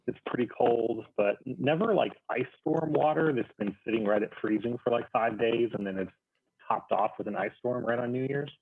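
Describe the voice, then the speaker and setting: Halting, wry man on a muffled phone line. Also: medium pitch, husky. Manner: halting, self-deprecating, wry. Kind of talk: casual anecdote among friends. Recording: thin phone-like call, muffled.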